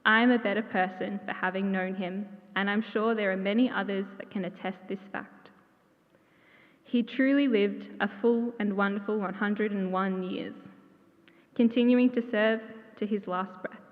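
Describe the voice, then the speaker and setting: Woman, eulogy speaker, heartfelt gently humorous storytelling, tinny echoey church hall. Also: mid-range voice, steady tone, moderate pace. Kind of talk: memorial tribute speech.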